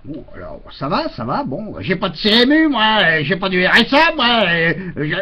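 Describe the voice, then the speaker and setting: Man, comic webcam rant, high lively voice, rambling and exasperated, dull lo-fi audio. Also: normal speed, a crowd in the background. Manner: rambling, exasperated, full of fillers and mock rants. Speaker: comedian. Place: home, indoors.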